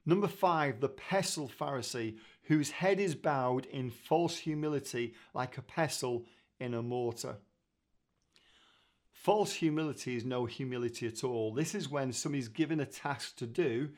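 A man's voice: mid-range voice, darkish tone. A middle-aged man giving an earnest, conversational teaching talk on leadership, often restarting his sentences. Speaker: ministry founder teaching on leadership.

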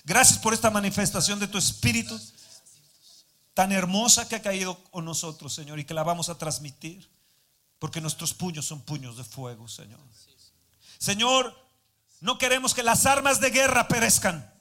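Male preacher, very high bright voice, fervent shouted sermon, live church hall, faint music behind. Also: moderate pace. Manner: rises from calm Bible reading to shouted fervent declarations. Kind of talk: sermon with prayer.

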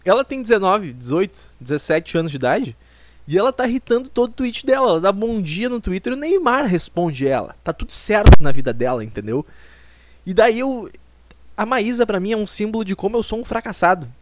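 The recording is dry and close-miked: a young man from Brazil, in his twenties, hosts a solo comic podcast. His high-pitched voice is brisk with lively intonation, and his style is rambling, self-deprecating, and profane.

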